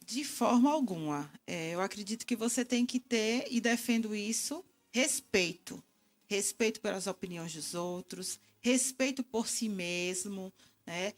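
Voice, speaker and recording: A middle-aged woman answering interview questions in a calm, reflective, explanatory way. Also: mid-range voice, measured pace. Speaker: guest communication expert.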